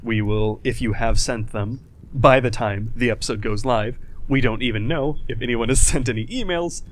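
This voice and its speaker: A man's voice: mid-range voice, normal speed, slight background noise. A man co-hosting a casual podcast, talking loosely and swearing freely. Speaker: podcast co-host.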